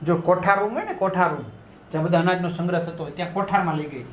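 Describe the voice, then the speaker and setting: High-voiced man teaching a lesson. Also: rapid-fire, a little hiss or hum. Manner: repeats and rephrases, checks with "right?". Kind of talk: explaining a school lesson. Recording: echoey room.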